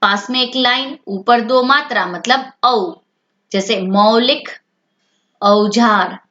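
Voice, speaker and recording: A woman teacher with a fairly high voice who talks slowly and patiently. She asks her pupils a question and then answers it herself. The sound is dull and lo-fi. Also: sharp tone. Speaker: language teacher. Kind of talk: explaining a language lesson to children.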